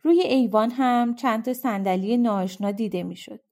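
A woman reading an audiobook of folk tales aloud, in a lively, expressive storybook style. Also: on the high side. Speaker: audiobook reader. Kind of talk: storybook narration.

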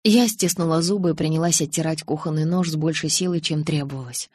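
Husky woman narrating an audiobook. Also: deep voice, a little fast, dry recording. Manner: lively, expressive dialogue reading. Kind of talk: first-person audiobook narration.

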